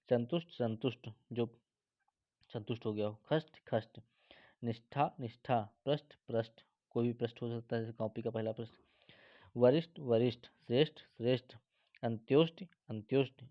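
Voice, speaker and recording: A man's voice: medium pitch, dry recording, muffled recording. Man drilling spellings, repeating each word. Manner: reads word pairs aloud, repeats each, adds "ठीक है?". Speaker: teacher. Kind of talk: spelling lesson for exam students.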